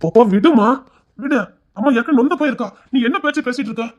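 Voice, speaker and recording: A woman's voice: high-pitched, fast talker, a little mellow, muffled recording, voice pushed down. A woman voicing a weary middle-aged father who pleads with his daughter to stop. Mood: placating. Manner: pleading, placating.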